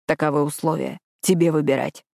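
Woman doing a hoarse young man, curt, growling, low voice, dry close sound. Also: fairly even intonation, fairly quick, darkish tone, no room sound. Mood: grim. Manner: growling, curt, through clenched teeth. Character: fierce gruff young man, commanding, protective. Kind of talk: audiobook character voice.

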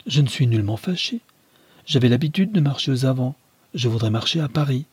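A man voicing a reserved young wife, quiet and guarded. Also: medium pitch, lively intonation, brisk, slightly rough, no room sound. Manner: quiet, brief, guarded replies.

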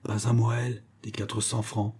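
A man's voice: lowish voice, level tone, moderate pace, dark tone, husky. A man voicing an old miserly male beggar who whines about poverty and demands secrecy, for an audiobook. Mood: insistent. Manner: whining, secretive, pleading poverty.

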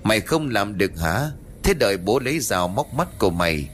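A man voicing a brash, foul-mouthed young village man who shouts and taunts, in a spoken horror story. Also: lowish voice, sing-song, normal speed, a little hiss or hum. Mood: taunting.

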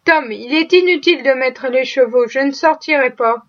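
Woman voicing a gentle earnest little girl, grave and firm, high voice, lo-fi audiobook. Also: moderate pace.

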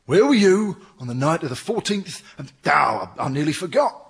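A man's voice: fairly high pitch, very animated, normal speed, vocal fry, husky. A man acting a blustering police sergeant in a comedy sketch. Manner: blustering, playful, breaks into impressions. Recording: noisy old recording.

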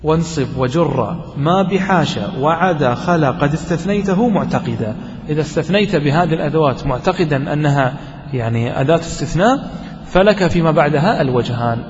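A man teaching an Arabic grammar lesson to a class. He keeps checking that the students follow with quick questions, and he repeats his examples slowly. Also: a little high, lively intonation, slight background noise. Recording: dull lo-fi recording in a hall with long reverb.

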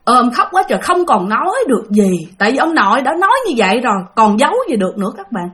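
A woman's voice: a little high, sing-song, quick pace, a bit bright. A woman with a Southern Vietnamese accent narrating a spooky story in a chatty way, often talking straight to her listeners. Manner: chatty, addressing listeners directly. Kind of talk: spoken ghost-story narration.

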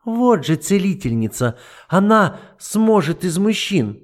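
A man voicing a shrill, hysterical noble duchess in an audiobook, who wails and pleads. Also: big pitch swings, takes it slowly, a little mellow. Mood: pleading. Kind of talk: audiobook character voice.

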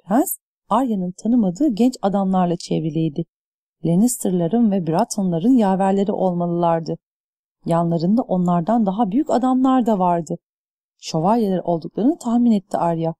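Warm-voiced woman narrating an audiobook. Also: fairly low pitch, moderate pace, no echo, clean studio sound. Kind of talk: scripted narration.

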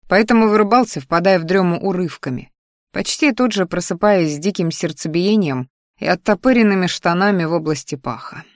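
A woman reading a novel aloud as an audiobook narrator, in steady first-person narration. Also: fairly low pitch, dry recording, clean studio sound.

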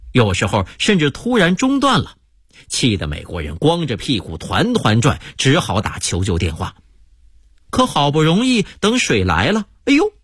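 A man telling a humorous story on the radio in a lively storytelling manner. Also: on the high side, husky, no room sound, clean studio sound.

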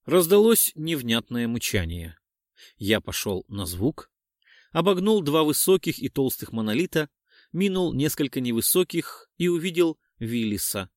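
A male narrator reading a first-person adventure with a lively, wide-ranging pitch that rises and falls with the action. He sits close to the mic in a dry, dead booth, and nothing is heard behind him. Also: dry recording. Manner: expressive, dramatic telling. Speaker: audiobook narrator.

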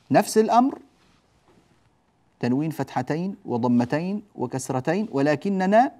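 A man teaching the rules of Quran recitation, explaining step by step, drawing on a board, checking that the class follows, and stretching out example words slowly. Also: on the high side, mellow. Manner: explains step by step and often asks the class "جيد؟". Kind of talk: classroom lesson on tajweed rules.

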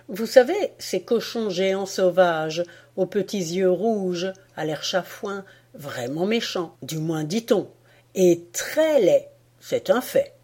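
Slow, expressive woman storyteller. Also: on the low side. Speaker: audiobook reader. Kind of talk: storytelling narration.

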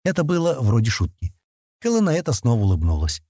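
A man narrating an audiobook in a calm, expressive storytelling manner. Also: medium pitch, fast, dry recording, clean studio sound. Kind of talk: audiobook reading.

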